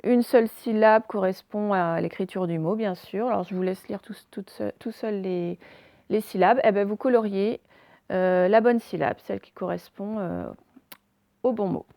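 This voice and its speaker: A woman teacher giving a recorded phonics lesson for young children, sounding out each word clearly and stressing the target sounds. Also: medium pitch, normal speed, mellow, dry recording.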